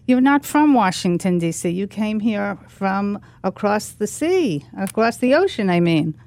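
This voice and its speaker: A woman's voice: medium pitch, very animated, measured pace, a little mellow, no echo. A woman hosting a radio interview, who asks friendly, leading questions. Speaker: radio show host.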